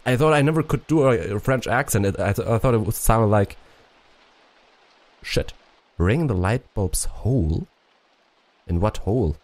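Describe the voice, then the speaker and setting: A man's voice: fairly low pitch, animated, normal speed, pauses often, darkish tone. A man streaming a puzzle game, muttering to himself and swearing casually as he plays. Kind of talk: casual live-stream commentary.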